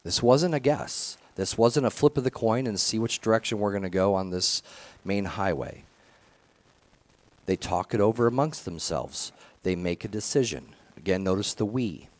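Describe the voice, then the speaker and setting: A man with a somewhat low voice delivers a conversational sermon as a pastor. He talks earnestly, often restarting phrases and dropping in casual fillers as he teaches. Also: moderate pace, a little mellow, no room sound.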